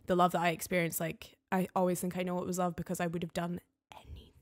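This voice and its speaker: A young woman with a Highland Scottish accent, chatting casually and candidly in a self-questioning way. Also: monotone, fast. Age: young adult. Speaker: podcast guest and flatmate of the host. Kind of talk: casual confessional chat about dating.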